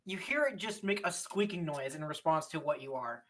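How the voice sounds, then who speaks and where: A woman running a tabletop game as game master, dry and quick to laugh. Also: deep voice, lively intonation, a little hiss or hum.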